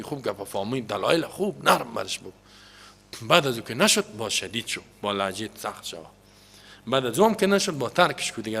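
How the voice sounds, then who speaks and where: A man with a Tajik accent giving a religious lesson, explaining quoted Arabic texts in an animated way. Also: mid-range voice, in a large hall. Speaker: religious teacher. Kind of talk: hadith lesson.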